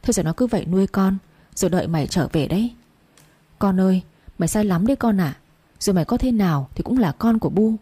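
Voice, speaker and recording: A tearful, scolding old village mother, as a woman narrator puts her on, talking fast and pitched up. The voice stays warm and mellow with a husky grain, and she rebukes her grown son in a storybook reading. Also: animated. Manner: scolding, quick, rising.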